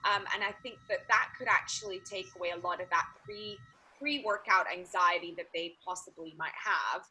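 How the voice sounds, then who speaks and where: A woman's voice: lowish voice, moderate pace, pushed and bright, slight background noise, low-quality recording. A woman hosts an interview podcast, asking long, rambling questions with many fillers. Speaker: podcast host. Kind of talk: casual interview conversation.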